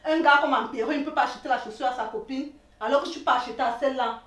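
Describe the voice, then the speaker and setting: A woman with a Cameroonian accent playing a jealous girlfriend who shouts and accuses in a comedy sketch. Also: high-pitched, rapid-fire, a little hiss or hum. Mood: agitated. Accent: Cameroonian French. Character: jealous young woman, hotheaded and insistent. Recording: echoey room, mic far off.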